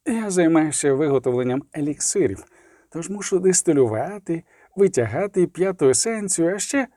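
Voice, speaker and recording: A calm, modest alchemist who speaks softly and precisely, as a narrator puts him on. The tone is mellow and dark, recorded dry and close for an audiobook. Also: male voice, a little high, moderate pace, dry recording, voice pushed up, lightly acted. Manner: soft-spoken, modest, precise. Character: calm, modest older male barber-alchemist. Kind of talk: audiobook character reading.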